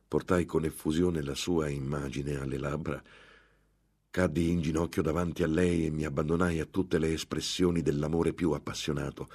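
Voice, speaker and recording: A man reading a first-person literary story aloud as an audiobook narrator, in a measured, dramatic way. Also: a bass voice, a little mellow, husky.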